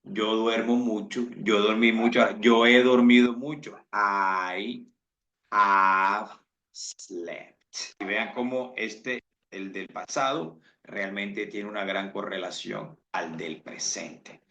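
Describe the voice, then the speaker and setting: A male English teacher, giving a bilingual lesson and slowly repeating example sentences aloud. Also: on the low side, pushed and bright. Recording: roomy, dull lo-fi sound.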